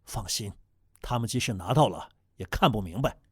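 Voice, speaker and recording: A middle-aged man playing the father in a family comedy sketch, speaking in a hushed, conspiratorial way. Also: expressive, moderate pace, husky, no echo, clean studio sound. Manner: hushed, conspiratorial, low-key. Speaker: father and reading teacher.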